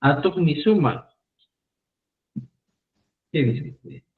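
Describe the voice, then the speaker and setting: A man teaching a live online Quechua class, repeating phrases slowly for students. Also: on the high side, lively intonation, husky. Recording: phone-like narrow sound.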